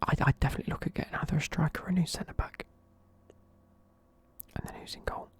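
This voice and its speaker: A young man in a casual video, whispering sleepily as he reviews football teams and swears offhandedly. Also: fast. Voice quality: whispering throughout. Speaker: video creator.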